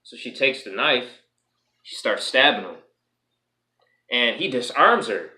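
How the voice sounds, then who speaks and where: A man tells a story in a casual vlog. He rambles and keeps saying "you know," and he swears freely. His voice comes across bright and forceful, with a roomy echo around it. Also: mid-range voice, lively intonation, unhurried. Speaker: martial arts instructor.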